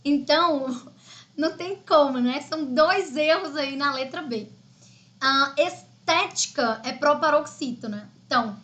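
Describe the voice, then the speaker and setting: A woman's voice: high voice, a bit bright. A Brazilian woman teaching Portuguese in a live online exam-prep class, explaining step by step in a chatty way.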